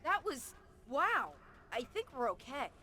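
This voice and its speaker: A woman's voice: high-pitched, very animated, measured pace, exaggerated voice. An actress playing a tough, urgent female sheriff in a horror video game, with a commanding manner. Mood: watchful. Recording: loud noise of game action.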